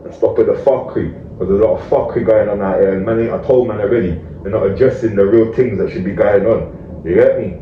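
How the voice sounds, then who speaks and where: A man's voice: fairly low pitch, fast talker. A man with a London roadman accent giving emphatic, slang-heavy street talk, peppered with tag questions. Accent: London roadman, multicultural street London. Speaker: community activist speaker. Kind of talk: street talk addressed to camera. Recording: roomy, distant, dull audio with faint noise.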